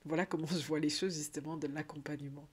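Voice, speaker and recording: A woman's voice: low voice, fairly even intonation, fast, a little hiss or hum. A woman with a Belgian French accent, a coach talking in a rambling, chatty video diary full of fillers.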